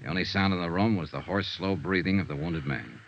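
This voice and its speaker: A man's voice: low-pitched, animated, fairly quick, gravelly. An actor playing a hard-boiled male investigator who narrates and talks in a terse, matter-of-fact way, in a 1950s radio drama. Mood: steady. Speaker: narrator and detective. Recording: muffled old radio broadcast with music.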